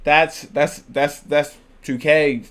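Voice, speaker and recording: A man hosting a casual reaction video, talking in a loose, rambling, excitable way. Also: fairly high pitch, slow pace, clear, resonant tone. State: out of breath. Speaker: channel host reacting to a video.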